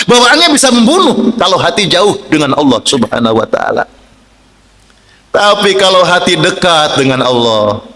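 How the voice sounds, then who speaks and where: A man preaching a sermon, moving between soft quiet asides and loud calls, and chanting verses slowly. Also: high-pitched, echoey room, big-room sound.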